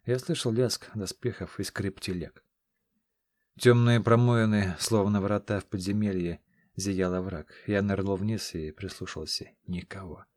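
A man reading scripted first-person fantasy narration in a steady, measured storytelling manner. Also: lowish voice, dry recording. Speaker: audiobook narrator.

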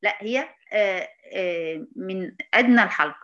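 A woman with an Egyptian accent teaching a recitation lesson, patiently demonstrating sounds slowly and checking in with her students. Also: medium pitch, a bit bright, dull audio. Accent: Egyptian Arabic. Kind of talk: online tajweed lesson.

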